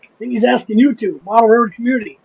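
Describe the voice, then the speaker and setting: High husky Midwestern man, lo-fi. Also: fairly even intonation, rapid-fire. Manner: rambling, restarts sentences, laughs easily. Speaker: host of a model railroad channel. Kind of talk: casual livestream chat.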